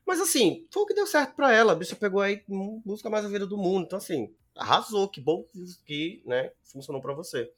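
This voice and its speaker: A man's voice: high voice, very animated, quick pace, few pauses, fairly bright tone. A man with a Brazilian Portuguese accent hosting a casual podcast chat in a campy, slangy, emphatic way.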